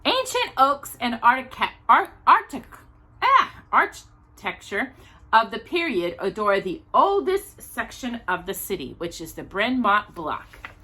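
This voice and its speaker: A Texan woman from the United States hosts storytime, reading a nonfiction children's book aloud with chatty, informal asides and stumbling over longer words. Her fairly high voice is husky, pushed and bright, with wildly swooping pitch at a measured pace.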